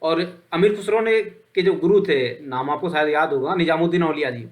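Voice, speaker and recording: A man's voice: fairly high pitch, normal speed. A man teaching an online lesson in a conversational way, asking questions and answering them himself, often checking in with his listeners. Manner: conversational, repeats points with "ठीक है". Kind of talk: online lecture.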